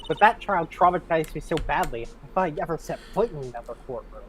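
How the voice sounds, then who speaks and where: A woman voicing a young female rookie defense lawyer, earnest and nervous but determined, a little halting. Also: low voice, expressive, slight background noise. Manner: earnest, halting when flustered.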